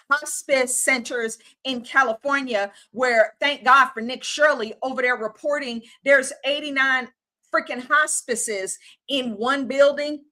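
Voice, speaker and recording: A woman's voice: high voice, pushed and bright. A woman, hosting a livestream and ranting in an exasperated, casual, slangy way. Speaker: livestream host.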